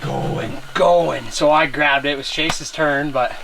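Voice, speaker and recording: A man's voice: a little high, level tone, moderate pace, crowd noise, poor audio. A man in an ice fishing hut, casually retelling how he hooked the fish and quoting himself as he goes. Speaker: angler retelling the catch. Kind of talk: casual storytelling.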